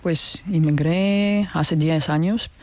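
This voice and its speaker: Halting woman. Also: sits low, a little mellow, no room sound. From North Ossetia. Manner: hesitant, halting non-native Spanish. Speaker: community founder, guest. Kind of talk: radio interview.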